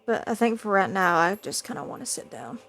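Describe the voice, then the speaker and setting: A woman narrating as game master of a tabletop game in a calm, matter-of-fact way. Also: mid-range voice, brisk, music in the background.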